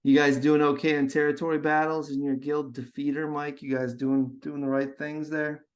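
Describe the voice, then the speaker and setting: A man's voice: fairly high pitch, little pitch movement, normal speed. A man co-hosting a podcast in casual chat, teasing and ribbing his partner with jokes. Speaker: podcast co-host.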